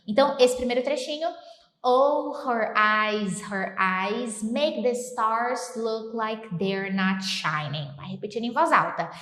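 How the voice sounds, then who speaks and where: Brazilian woman teacher, higher voice, echoey room, patient lyric walkthrough. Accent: Brazilian Portuguese. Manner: explains slowly, repeats English phrases for pronunciation. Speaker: English teacher. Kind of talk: explaining song lyrics to learners.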